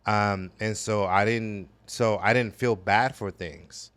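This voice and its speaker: A man from El Salvador, a podcast guest, talking reflectively about his upbringing with many pauses and fillers. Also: fairly low pitch, steady tone, a bit bright. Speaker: podcast guest, business owner. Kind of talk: casual conversational interview. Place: gallery space.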